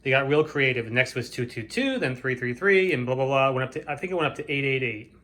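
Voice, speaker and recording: Talking fast with an expressive, sharp-toned mid-range voice, a man presents items on his own reseller vlog. It's a casual, unscripted show-and-tell from a flea market reseller, delivered plainly and matter-of-factly.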